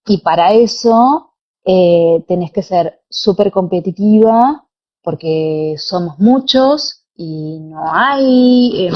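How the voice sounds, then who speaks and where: A young woman with an Argentine Spanish accent answers conversationally as an interview guest, her voice lowish and slightly rough. She teaches pilates and used to be a dancer. The online call audio sounds dull and lo-fi.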